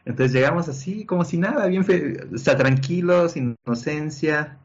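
A man's voice: fairly high pitch, normal speed, highs cut off. A man with a Mexican accent telling a personal story casually, tagging sentences with "¿no?" and acting out what people said. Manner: animated storyteller, acts out quotes, many fillers like "¿no?" and "este".

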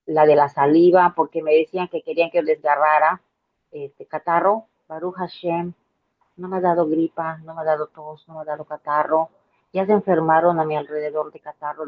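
Deep-voiced and fairly even in intonation, a woman in her fifties with a Mexican Spanish accent speaks at a moderate pace. She gives an earnest, hesitant personal testimony full of fillers and restarts, over a tinny, phone-like line.

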